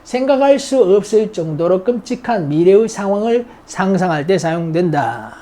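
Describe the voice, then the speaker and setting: Korean-native male grammar teacher, high mellow voice, measured lecture delivery, repeats vocabulary for students. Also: expressive. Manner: drills vocabulary, repeating words slowly for students to echo.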